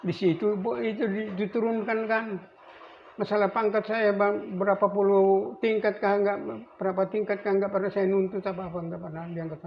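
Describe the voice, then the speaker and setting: An elderly man in his eighties, a navy veteran, recalling his service in a rambling, halting way with many restarts. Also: high voice, flat delivery. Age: 80s. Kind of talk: recorded interview. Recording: dull lo-fi recording with faint noise.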